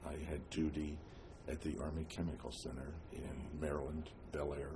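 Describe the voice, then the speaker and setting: An elderly American man from New Jersey reminisces about his life in an interview, halting often with long pauses and hesitations. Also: rumbling low, level tone, background noise. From New Jersey, United States. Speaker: oral history interviewee. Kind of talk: reminiscing, telling life story.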